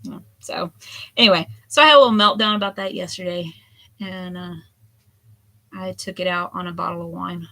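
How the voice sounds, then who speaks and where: A hoarse woman in her forties, a potter chatting candidly while she throws clay at the wheel. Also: fairly low pitch, fairly even intonation, a little fast, long pauses, sharp tone. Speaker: potter streaming a throwing session. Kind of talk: casual chat while working. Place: pottery studio with lo-fi music on.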